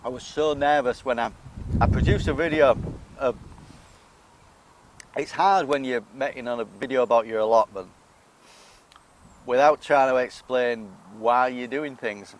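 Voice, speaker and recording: Medium in pitch and unhurried, this British allotment vlogger pauses often as he walks viewers through his garden. He's chatty, self-deprecating and eats while talking, in a British English accent, and there's a little hiss or hum on the recording.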